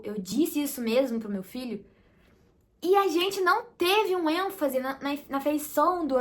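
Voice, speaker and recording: A woman's voice: high voice, fairly bright tone. A woman with a Brazilian Portuguese accent chatting casually and expressively as she reviews a film for her viewers.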